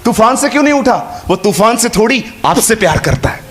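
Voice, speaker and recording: A man's voice: high voice, animated, brisk. A man preaching a sermon to a congregation in a conversational way, repeating phrases and acting out little dialogues. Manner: conversational Hindi preaching with repetition and quoted dialogue.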